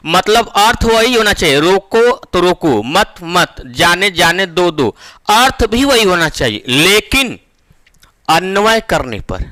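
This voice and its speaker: A man teaching Hindi grammar as a classroom lecture, who repeats each phrase slowly for emphasis and asks the class questions. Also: high voice, pushed and bright, no room sound.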